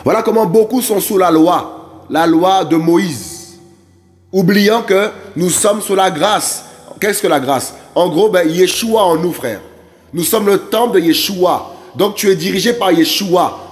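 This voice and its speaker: A man preaching an evangelistic sermon, emphatic and repetitive, often addressing listeners directly. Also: sits high. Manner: emphatic, repetitive exhortations with frequent asides to listeners.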